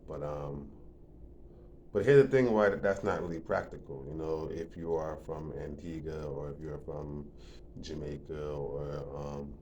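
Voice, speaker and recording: A man's voice: extremely low pitch, a little mellow, a little hiss or hum. A man giving a casual, rambling monologue, often repeating words and building to emphatic points.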